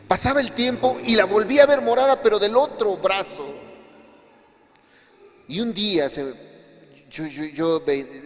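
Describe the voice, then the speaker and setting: Pastor preaching in an echoing hall. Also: male voice, on the high side. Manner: emphatic storytelling, swinging between quiet and raised passages. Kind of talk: sermon with testimony. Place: church hall. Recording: long hall reverb.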